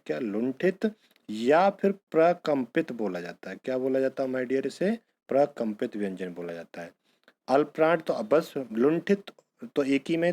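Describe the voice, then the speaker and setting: A man's voice: a little high, dark tone. A man teaching an exam-prep grammar lesson, who asks a question and then answers it himself, calling his students bhaiya and beta.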